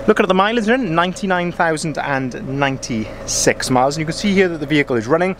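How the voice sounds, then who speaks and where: Holding a camera himself, a Welsh sales manager with a slightly high, lively male voice talks fast as he reviews a van outside in the yard and then from the cab. His walkaround is chatty and filler-heavy, with frequent repetition and "as I say." There is background noise.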